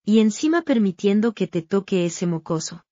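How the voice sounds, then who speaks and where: Jealous scolding young husband, read by a woman, audiobook voice, mid pitch, dry slightly dull sound. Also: expressive, normal speed, warm tone, no echo, close to an everyday voice. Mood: indignant.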